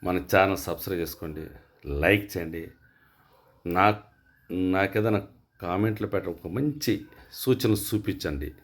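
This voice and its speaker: Very deep-voiced man selling property. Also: moderate pace, long pauses. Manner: salesy, repetitive, direct appeals to viewers. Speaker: real estate agent. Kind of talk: property tour vlog.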